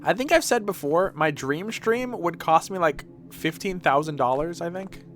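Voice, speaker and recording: This gamer livestreams with a fairly high, bright voice, lively intonation and a moderate pace, chatting in a rambling, sometimes profane way over gameplay. Music plays faintly in the background.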